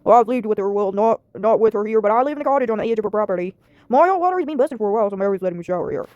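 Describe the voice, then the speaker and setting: A woman voicing a blunt, dry-humored young woman in a story game, a bit lower than her own voice. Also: animated, racing, dry recording, muffled recording, lightly acted.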